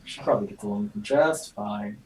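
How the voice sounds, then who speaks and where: A man's voice: lowish voice, fairly quick, crowd noise. Joking player man in an echoey room. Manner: joking, speaks in character as his creature. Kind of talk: casual tabletop banter. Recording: echoey room, distant mic, music.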